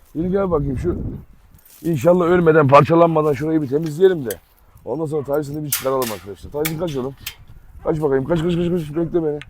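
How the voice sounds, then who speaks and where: A man from Turkey hosting a casual vlog outdoors in a dog yard, loud and teasing, coaxing the dogs with pet names. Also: a little high, slight background noise. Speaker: dog channel host.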